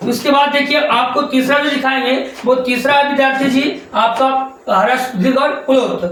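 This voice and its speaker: A man's voice: extremely high pitch, steady tone, normal speed, a bit bright, a little hiss or hum. A male Sanskrit grammar teacher giving a classroom lecture, repeating each point and quizzing students with rhetorical questions. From India. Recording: very echoey room.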